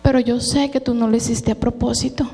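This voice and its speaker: A woman's voice: fairly high pitch, steady tone, fairly quick, dark tone, husky. A middle-aged Mexican woman giving a personal testimony sermon, telling it with emotion and mixing in English words. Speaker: preacher. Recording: long hall reverb.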